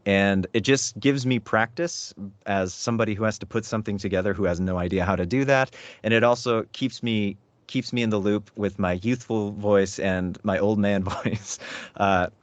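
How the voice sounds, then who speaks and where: A man speaking as a voice actor guest in a relaxed, self-deprecating interview chat. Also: fairly low pitch, no room sound. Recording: dull lo-fi dry sound.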